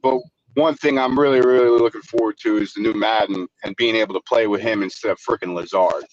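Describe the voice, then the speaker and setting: A man's voice: fairly low pitch, steady tone, fast. A man calling into a show from his car while driving, talking in a laid-back, rambling way with some grumbling over a dull, lo-fi phone line. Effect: phone call from a car while driving. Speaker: caller. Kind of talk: casual call-in chat.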